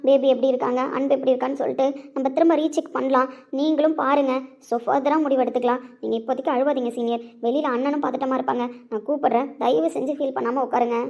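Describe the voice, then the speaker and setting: A composed female doctor, voiced by a woman speaks in a lowered, steady tone. She soothes her patient with firm, reassuring words. It sounds like a homemade family drama. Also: fast, vocal fry. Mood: firm calming. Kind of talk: home video drama acting.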